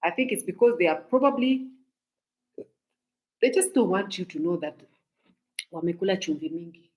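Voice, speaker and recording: A woman's voice: fairly low pitch, animated, moderate pace, darkish tone. Chatty Kenyan woman commentating on gossip. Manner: talkative, emphatic, repeats and restarts phrases; mixes in Swahili phrases. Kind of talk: casual commentary to viewers.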